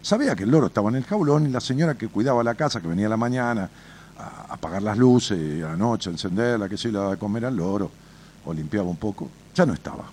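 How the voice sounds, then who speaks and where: Blunt, animated Argentine man telling stories. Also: fairly low pitch, fast talker, a little hiss or hum. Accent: Argentine Spanish. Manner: blunt and colloquial, swears freely; animated storyteller, addresses listener directly. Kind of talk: advice talk with storytelling.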